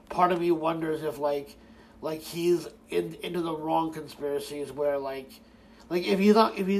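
A young man delivers a heated, sarcastic rant, swearing freely and tripping over his own restarts and fillers. His voice sits a little high and has a gravelly, fried edge. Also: darkish tone, a little hiss or hum, low-quality recording. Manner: profane, rambling, many restarts and fillers. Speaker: online commentator. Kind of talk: ranting casual monologue.

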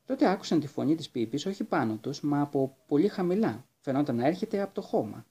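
A man narrating a children's book aloud with lively, expressive storytelling. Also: on the high side, slightly rough. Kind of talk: audiobook reading of a children's book.

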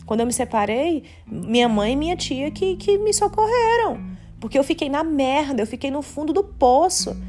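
Over background music, a Brazilian podcast host in her late twenties gives a candid personal monologue at normal speed. Her voice is high-pitched and sing-song, and she talks in a confessional, faith-centered way sprinkled with casual slang.

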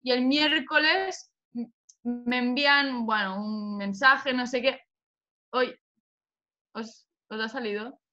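A woman's voice: fairly high pitch, slow, long pauses, sharp tone. A woman fighter chatting casually, telling a story animatedly and swearing freely. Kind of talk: casual chat. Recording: dull lo-fi sound.

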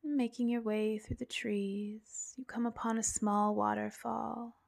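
A woman softly narrating a guided relaxation like a sleep story, half-whispering with long pauses. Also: fairly high pitch, little pitch movement, gravelly.

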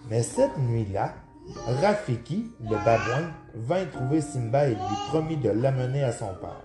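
Male storyteller, expressive read-aloud, echoey room, clear background music. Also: mid-range voice, normal speed. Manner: expressive, lively reading.

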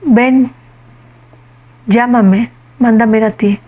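A woman's voice: a little high, fairly even intonation, drawn-out words, slightly rough, phone-quality sound, exaggerated voice. A woman voicing an anxious grown man who pleads for proof. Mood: pleading.

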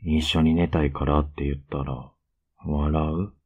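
A man playing a tender, teasing, clingy younger boyfriend in an ASMR role-play, murmuring softly and intimately. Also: rumbling low, flat delivery, a little slow, slightly rough, narrow, tinny audio, exaggerated voice. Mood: pouty, affectionate. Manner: soft, intimate, coaxing murmur.

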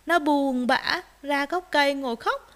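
A woman narrating a children's story in a slow, clear, expressive way. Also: sits high.

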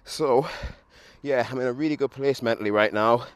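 A man's voice: mid-range voice, normal speed, clear, resonant tone, no echo. A young man, hungover and still a bit tipsy, talking bluntly and swearing freely in a casual, self-mocking monologue as he walks. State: hungover, still a bit drunk after a run. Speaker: podcaster. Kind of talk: casual walking monologue to camera. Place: outdoors, walking along a street. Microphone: handheld microphone and camera. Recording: noisy outdoor recording with traffic.

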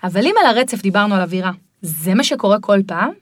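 A middle-aged woman guiding parents in a podcast conversation, explaining in a lively way and sometimes mimicking children's voices. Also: medium pitch, no room sound, studio quality. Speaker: parenting guide.

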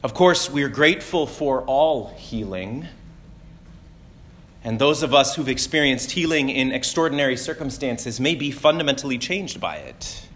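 Man giving a measured, solemn sermon. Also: mid-range voice, a bit bright. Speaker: preacher. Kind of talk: gospel reading and sermon.

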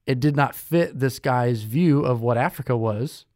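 A man's voice: mid-range voice, unhurried, darkish tone, no room sound. Chatty young man, dry close sound. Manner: chatty, with many fillers and self-corrections. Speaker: podcast co-host. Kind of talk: casual conversational chat.

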